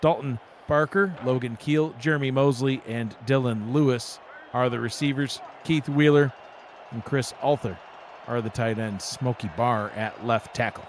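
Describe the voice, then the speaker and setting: A man doing relaxed play-by-play commentary for a simulated football broadcast, joking along and rising in excitement on big plays. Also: mid-range voice, slight background noise. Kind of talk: sports commentary.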